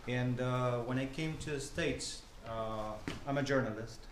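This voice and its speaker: A journalist and professor from Buenos Aires, Argentina, appears as a guest speaker, giving an informal lecture in English, his second language after Spanish. His Argentine Spanish accent comes through at a middling pitch as he speaks haltingly, with many fillers and restarts, and asks the room questions. An echoey room and faint hiss sit behind him.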